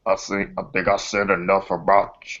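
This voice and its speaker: A man's voice: sits low, completely flat delivery, normal speed, background noise. A man chatting and questioning in a casual, repetitive, stammering way. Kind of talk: casual chat. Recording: dull lo-fi recording.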